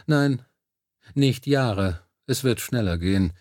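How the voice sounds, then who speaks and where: A man voicing a thoughtful, patient male leader in an audiobook, speaking in a measured, deliberate way. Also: mid-range voice, expressive, darkish tone, no echo, clean studio sound.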